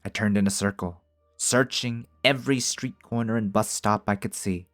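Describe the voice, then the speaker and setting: A man with a fairly low voice reads a visual novel aloud in first person. He breaks off now and then into joking, profane commentary. Soft music plays behind him. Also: fairly even intonation, normal speed. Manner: swears freely, jokes between narrated lines. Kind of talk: story narration mixed with casual commentary.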